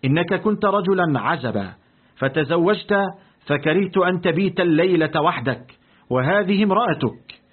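A man reading the part of a revered elderly scholar, speaking in a grave, measured way. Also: fairly high pitch, lively intonation, breathy edge. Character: revered elderly male scholar, calm and firm. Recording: tinny, lo-fi phone-like audio.

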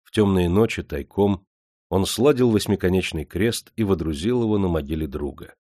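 A man narrating an audiobook in a steady, measured storytelling manner. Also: low-pitched, no echo, clean studio sound. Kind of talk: scripted narration.

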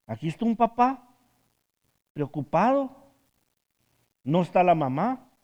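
Una mujer que da un estudio bíblico en tono conversacional. Hace preguntas al grupo y suele rematar sus frases con una pregunta. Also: female voice, on the low side, sing-song, slow, mellow, lo-fi sound. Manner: asks the group questions, often adds a tag question at the end; tells stories from her own counseling work. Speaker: Bible study teacher. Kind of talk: conversational Bible study teaching.

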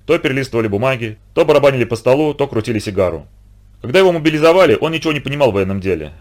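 A male narrator reads an audiobook in a steady storytelling voice. His pitch is middling and his pace quick.

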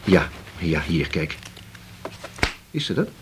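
An actor playing a shrewd police inspector who questions slowly and keeps humming to himself. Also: male voice, deep voice, very animated, background noise, exaggerated voice. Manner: slow, probing, drawn-out with many hums. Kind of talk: radio drama acting.

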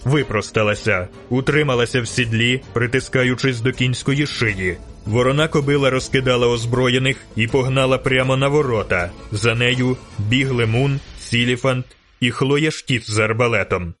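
Man narrating an audiobook, mid pitch. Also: normal speed, a bit bright, faint music behind. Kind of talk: scripted narration.

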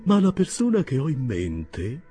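A man reading an audiobook and voicing an earnest, easily flustered older gentleman who grows agitated and pleading. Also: mid-range voice, wildly swooping pitch, unhurried, faint music behind, voice pushed up.

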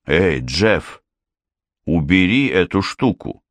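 Deep male reader as a scared man begging his brother to stop, audiobook thriller. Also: big pitch swings, takes it slowly, dry recording, exaggerated voice. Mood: pleading. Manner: urgent, pleading shouts. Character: frightened man pleading with armed brother.

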